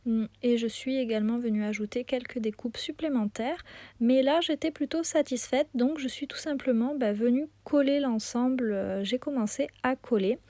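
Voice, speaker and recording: A woman's voice: on the high side, normal speed, mellow, no room sound. A woman hosting a craft tutorial in a casual voice-over, chatty and enthusiastic, with lots of hesitant fillers. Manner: hesitant, frequent "euh" fillers. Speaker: craft video host.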